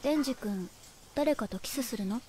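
An actress voicing a calm, composed female superior in an anime, speaking softly and evenly. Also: fairly high pitch, moderate pace, a little hiss or hum, lightly acted. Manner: calm, soft and even. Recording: anime soundtrack with music behind.

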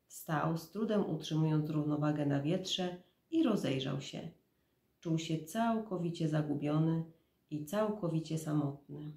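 Soft-spoken mother reading a storybook. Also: low voice, reverberant.

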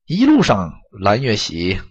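A man narrating an audiobook story in an expressive, dramatic storytelling manner, on a dull lo-fi recording. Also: lowish voice, measured pace, husky.

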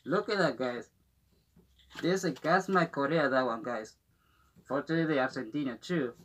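A man speaking through a gas mask, excitably unboxing and commenting in casual. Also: medium pitch, moderate pace. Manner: excitable, swears and exclaims often. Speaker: unboxing vlogger. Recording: noisy home recording.

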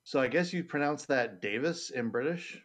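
A man's voice: mid-range voice, expressive, moderate pace, a bit bright. A man co-hosting a podcast, casual and joking, a bit sheepish. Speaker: podcast co-host. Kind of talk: casual chat.

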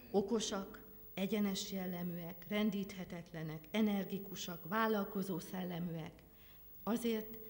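A woman reading a folk tale aloud at a literary event, with a lively, dramatic delivery. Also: lowish voice, a little hiss or hum. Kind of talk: expressive storytelling reading. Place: library event hall. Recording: long hall reverb.

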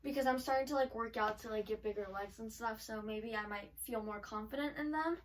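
A woman's voice: on the high side, fairly quick, recorded from a distance, a little hiss or hum, poor audio. Chatty woman vlogger, a bit off-mic. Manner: chatty, filler-heavy with frequent "like". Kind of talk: casual try-on haul chat. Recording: voice from away from the mic.

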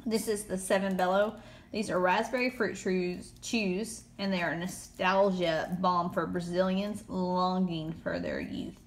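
A woman's voice: on the low side, unhurried, a little hiss or hum. A woman in her thirties with a Tennessee accent, hosting a casual snack unboxing and reading out the product blurbs. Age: 30s. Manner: reads out product blurbs, asks questions. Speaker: host.

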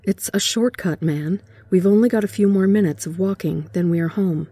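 A woman's voice: medium pitch, moderate pace, warm tone, husky, no echo. A woman voicing a laid-back, teasing teenage boy in a horror story reading, in a casual, offhand way. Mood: easygoing. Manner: casual, offhand, says "man".

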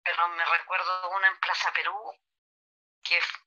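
A middle-aged Chilean woman artist, chatting casually and warmly in a remote interview with a Chilean accent, laughing easily. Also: fairly low pitch, little pitch movement, normal speed, highs cut off. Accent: Chilean Spanish. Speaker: artist guest.

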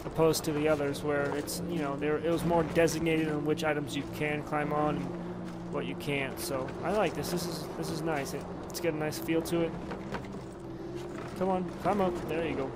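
A man's voice: fairly high pitch, little pitch movement, normal speed, heavy background noise. A man giving casual, rambling commentary while playing a game, muttering and mildly cursing to himself. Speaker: gaming commentator. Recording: loud game music behind.

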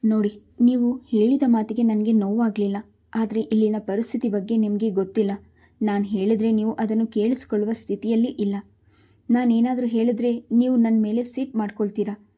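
A woman's voice: on the high side, flat delivery, a little fast, dark tone, natural voice. Woman voicing a tearful helpless young wife. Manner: pleading, tearful.

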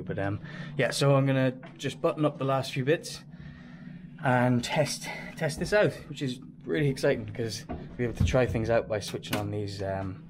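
In a cramped boat cabin, a man with a fairly low voice hosts a casual hands-on vlog, explaining what he's working on and thinking out loud in a hesitant way. There's noticeable noise in the background.

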